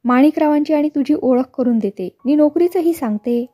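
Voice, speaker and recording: A woman reading aloud, voicing a wary young actress who hushes her friend. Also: high-pitched, a little fast, no room sound, clean studio sound, faint music behind, natural voice. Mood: hushed, cautious. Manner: hushed, cautioning.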